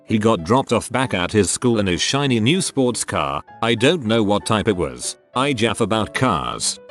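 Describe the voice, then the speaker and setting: A man narrating online stories in a steady read-aloud way. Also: fairly low pitch. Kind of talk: scripted narration of online posts.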